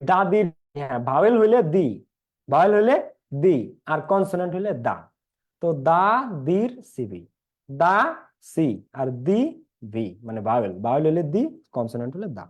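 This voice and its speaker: Young Bangladeshi man teaching, fairly high voice. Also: big pitch swings, moderate pace. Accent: Bangladeshi Bengali. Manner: repeats points, quizzes students, mixes English into Bengali. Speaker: English teacher. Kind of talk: online class lecture.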